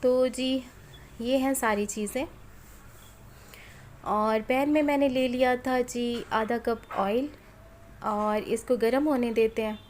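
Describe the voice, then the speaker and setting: Her voice sits on the high side, fairly even, slow and with frequent pauses. She is a thirty-something Pakistani cooking vlogger with a flu-strained, sore throat, chatting warmly to viewers in a voice-over made at home, where faint street and household noise can be heard.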